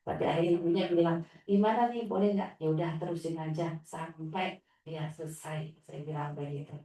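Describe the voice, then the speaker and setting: A woman religious teacher tells an inspirational story about her students in a low-pitched voice, now and then jumping high to mimic a sulky child. She sounds far from the mic in a very echoey hall. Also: steady tone, normal speed, mellow. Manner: storytelling, acting out a child's whiny replies. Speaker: Islamic teacher. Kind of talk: inspirational sharing talk. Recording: echoey room, distant mic.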